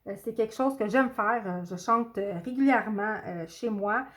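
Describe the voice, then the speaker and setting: A woman, chatting casually and hesitantly with her viewers, often apologetic and poking fun at herself. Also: fairly high pitch. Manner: hesitant, pauses often with fillers; self-deprecating and apologetic. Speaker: coloring channel host. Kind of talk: casual chat answering a video tag.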